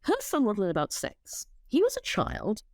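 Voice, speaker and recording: Animated, emphatic middle-aged woman. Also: dry recording. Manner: emphatic, fast pitch with repeated restarts; blunt, swears freely. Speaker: interview guest, company founder. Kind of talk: animated interview talk.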